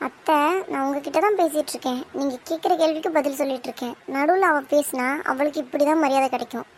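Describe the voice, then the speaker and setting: The high, clear voice of a young cartoon bride-to-be who stands up for her sister, voiced by a woman. She answers back sharply, with firm, cutting defiance and no fear of her elders. Faint noise sits behind her. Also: quick pace. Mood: defiant. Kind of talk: cartoon soap drama voice acting.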